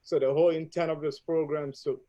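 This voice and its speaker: A man's voice: on the high side, level tone, fast, mellow, muffled recording. Formal male host of a live stream. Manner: formal, welcoming, long run-on questions. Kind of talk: live-streamed talk show hosting.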